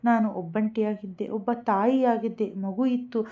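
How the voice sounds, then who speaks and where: Woman doing a scared young single mother, trembling tearful voice, warm tone, muffled lo-fi audio. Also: medium pitch, fairly even intonation, moderate pace, close to an everyday voice. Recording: dull lo-fi recording.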